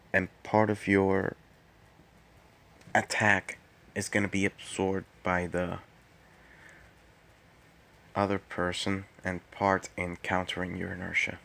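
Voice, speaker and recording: A man speaks quietly, as if late at night, in a low voice with heavy fry. He explains things casually on his own, very slowly, with halting pauses in the middle of phrases. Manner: halting, pausing mid-phrase. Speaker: martial arts vlogger. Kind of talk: casual solo talk explaining fighting technique.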